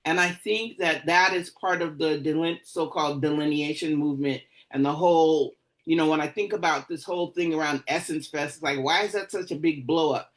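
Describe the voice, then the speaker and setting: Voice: mid-range voice, fairly even intonation, fairly quick, low-quality recording. A meeting host speaking emphatically in a group discussion, often checking that listeners agree with her. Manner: emphatic, asks "okay?" for agreement.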